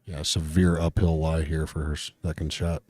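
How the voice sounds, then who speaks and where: A man's voice: very deep voice, level tone, normal speed, darkish tone, dry recording. A man working as a golf commentator, talking through a match conversationally and offering his own advice and opinions.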